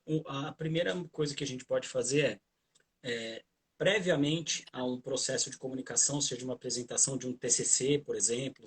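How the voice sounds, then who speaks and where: A man's voice: mid-range voice, breathy edge. A Brazilian man, a guest trainer on a livestream video call, giving conversational advice with hesitant restarts and repeated fillers.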